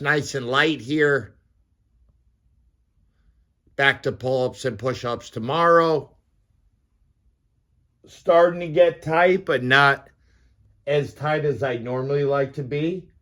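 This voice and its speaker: Mid-workout one morning, a man in his fifties who vlogs about fitness speaks to the camera with informal, blunt encouragement and slangy turns of phrase. His voice is a little high and a bit bright.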